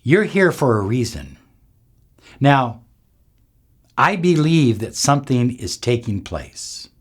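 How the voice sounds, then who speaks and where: A man speaking as a spiritual self-help coach, giving an emphatic motivational talk straight to viewers and repeating phrases for effect. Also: medium pitch.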